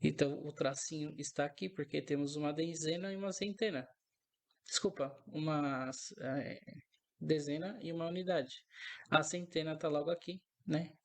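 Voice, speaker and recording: A man's voice: a little high, fairly even intonation, moderate pace. A man teaching an English lesson, explaining step by step and patiently repeating each example several times. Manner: explains step by step, often checks in with "né?". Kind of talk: recorded language lesson.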